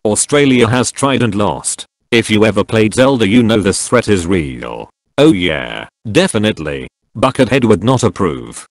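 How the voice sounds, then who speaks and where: A man narrating forum posts aloud in an even, unhurried reading delivery. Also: fairly low pitch, no echo. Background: faint background music.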